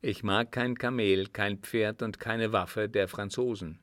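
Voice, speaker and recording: A man voicing a cold, guarded older desert sheik in an audiobook reading, with a measured, cool delivery. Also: on the low side, fairly even intonation, fairly bright tone, no echo, studio quality.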